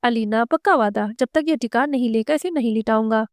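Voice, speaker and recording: A woman's voice: fairly high pitch, brisk, no echo, clean studio sound, natural voice. A woman reading the part of an affectionate young husband and father who teases his wife in playful, flowery words. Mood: teasing.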